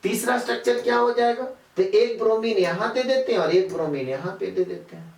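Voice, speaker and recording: A man's voice: high-pitched, a little fast, creaky, a little mellow. A male teacher gives a classroom chemistry lecture, repeating points and quizzing students with rhetorical questions. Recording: echoey room, mic far off.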